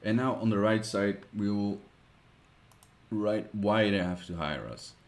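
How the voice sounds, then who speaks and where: With a fairly low-pitched voice and the accent of his native Dutch, a man talks through a screen-captured web design tutorial, reasoning out loud and filling it with pauses and filler words.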